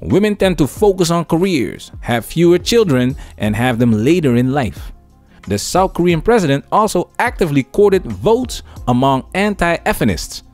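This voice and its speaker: A man's voice: fairly high pitch, sing-song, normal speed, soft background music. A man hosting an opinion news commentary show, talking through clips and reacting to them. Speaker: host of a commentary channel.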